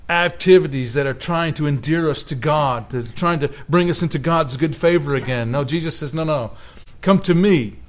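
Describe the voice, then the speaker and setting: A man's voice: a little high, a little fast, few pauses. A man preaching a sermon in an earnest way, rising with emphasis when he quotes scripture. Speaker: pastor.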